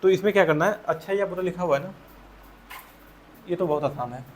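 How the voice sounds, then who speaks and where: Male Hindi teacher, slightly high voice. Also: brisk, darkish tone, slight background noise. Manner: patient, leading questions to students. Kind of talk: explaining a textbook chapter.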